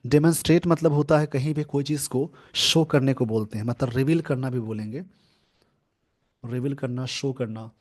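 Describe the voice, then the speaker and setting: A man teaching English grammar from a newspaper, explaining slowly and repeating key words. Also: mid-range voice. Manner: slow, repetitive explaining, mixing English terms into Hindi.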